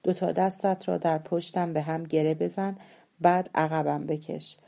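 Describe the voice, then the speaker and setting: A woman voicing a sick, bedridden man who gives curt, low-key instructions in a storybook reading. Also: steady tone, creaky, dark tone. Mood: instructing.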